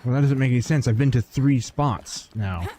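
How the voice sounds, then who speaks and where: A man's voice: mid-range voice, moderate pace, dark tone, slight background noise. A man streaming a video game, thinking aloud with wry remarks. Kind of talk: casual gameplay commentary.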